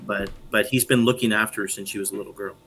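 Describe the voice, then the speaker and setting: A man's voice: on the low side, steady tone, quick pace, fairly bright tone, a little hiss or hum, poor audio. Thoughtful man explaining scripture. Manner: thoughtful, explanatory, many restarts. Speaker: podcast co-host and Bible teacher. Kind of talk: casual Bible study discussion.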